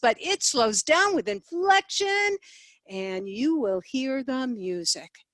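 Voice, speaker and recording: Animated woman presenting a sales lesson. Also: high-pitched, dry recording. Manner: lively, sings phrases up and down to demonstrate inflection. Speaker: sales trainer.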